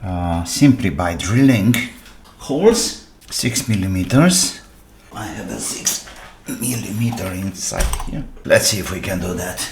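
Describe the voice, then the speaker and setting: A repair channel host, a non-native English speaker with a low voice, works slowly through a hands-on fix, thinking aloud in a halting, casual yet animated way. Clicks and the clatter of parts come through clearly in the background.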